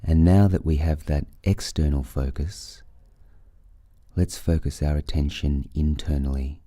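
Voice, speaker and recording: A man leading a guided breathing meditation, giving soothing, unhurried instructions with long pauses between phrases. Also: a bass voice, fairly even intonation, warm tone, dry recording.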